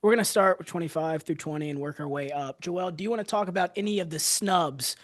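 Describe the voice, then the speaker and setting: A man's voice: fairly high pitch, fast, a bit bright, no echo. A young man co-hosting a casual sports podcast, running segments and firing off lists of player names. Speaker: podcast co-host.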